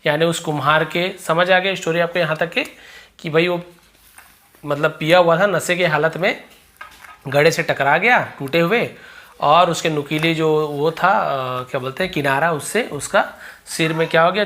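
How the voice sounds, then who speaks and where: A teacher reads English story sentences slowly, then explains them word by word in a chatty, repetitive way. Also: mid-range voice, fairly bright tone. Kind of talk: line-by-line translation lesson.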